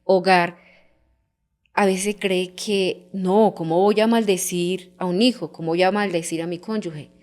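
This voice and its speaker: A woman's voice: on the low side, fairly even intonation, a little slow, a little mellow. A woman co-hosting a church couples ministry talk, explaining with example phrases.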